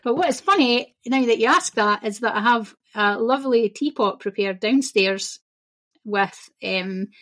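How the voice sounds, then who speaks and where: A woman's voice: on the high side, unhurried, a bit bright. A Scottish woman, a shamanism teacher, talking casually as a podcast guest, chatty and laughing easily. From Scotland. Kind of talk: casual interview chat.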